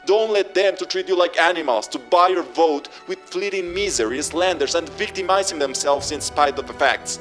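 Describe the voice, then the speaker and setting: A man playing a fervent orator in an impassioned, ranting political speech, exhorting the masses loudly and forcefully. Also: on the high side, normal speed, hardly any pauses, lightly acted. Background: music.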